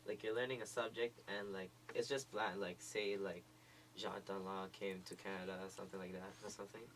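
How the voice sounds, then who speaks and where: A man's voice: sits low, flat delivery, brisk, fairly bright tone, slight background noise, rough recording. A teenage boy, a student rapper, talking casually in a radio interview and saying "like" constantly.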